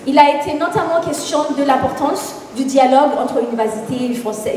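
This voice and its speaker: A woman from Kenya with a Kenyan accent, moderating and giving a formal, measured closing summary at a forum. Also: high voice, a little mellow, slight background noise. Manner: measured, formal, occasional self-corrections. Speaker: program manager and moderator. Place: large conference hall. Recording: very echoey hall, distant mic.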